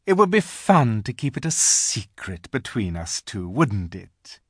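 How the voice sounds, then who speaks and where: A reader voicing an imperious, scheming witch queen from a children's storybook, sweet-talking in grand, drawn-out phrases. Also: medium pitch, big pitch swings, husky, no room sound, clean studio sound. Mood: conspiratorial, coaxing.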